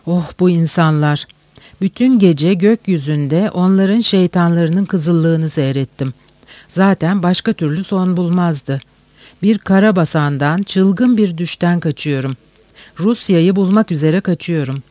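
A man's voice: sits high, measured pace, mellow, no room sound. A man voicing a feverish, tearful old male teacher who pours out pleading, repetitive speeches. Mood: feverish rambling. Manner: pleading, breathless outpouring with repetitions.

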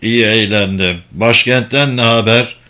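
A man's voice: fairly low pitch, steady tone, moderate pace, bright, forceful tone. A man voicing a brutal, greedy army commander who talks in a brusque, gloating way.

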